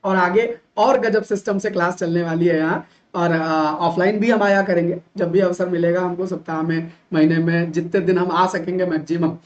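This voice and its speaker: Man, teacher, animated classroom lecture, rhetorical questions, slightly lo-fi. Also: high-pitched, normal speed. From Uttar Pradesh, India. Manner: lively, mimics students, rhetorical questions.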